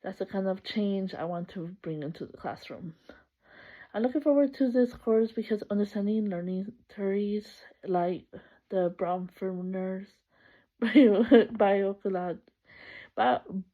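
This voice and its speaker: With a mid-range voice and a slightly slow pace, a young woman from El Salvador chats cheerfully while introducing herself to a class. She laughs often and corrects herself, and the lo-fi recording is slightly muffled.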